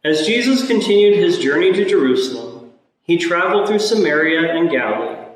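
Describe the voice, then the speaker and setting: High-voiced priest in cathedral echo. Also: male voice, lively intonation, brisk. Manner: earnest and reflective, circles back to repeat key phrases. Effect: cathedral echo, voice ringing through a large church. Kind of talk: gospel reading and homily. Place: large church. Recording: echoey church hall from far off.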